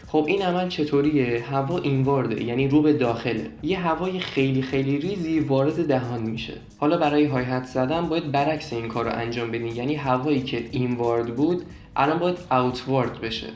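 A young man calmly explaining beatbox technique step by step, repeating points and demonstrating as he goes. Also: medium pitch, echoey room. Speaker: beatbox teacher.

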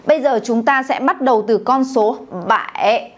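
A woman's voice: a little high, normal speed. Woman teaching a Chinese class. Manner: calls on the class to repeat aloud, checks with questions. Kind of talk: classroom language lesson.

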